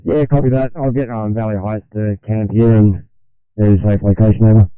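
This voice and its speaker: A man's voice: lowish voice, little pitch movement, a little fast, clear, resonant tone, dry recording. A man passing procedural emergency messages over a two-way radio. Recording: narrow-band dry radio transmission.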